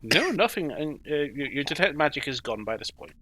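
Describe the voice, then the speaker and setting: A man's voice: on the high side, sing-song, a little fast, pushed and bright. A man acting as game master, narrating a tabletop role-playing game off the cuff and ruling on players' actions.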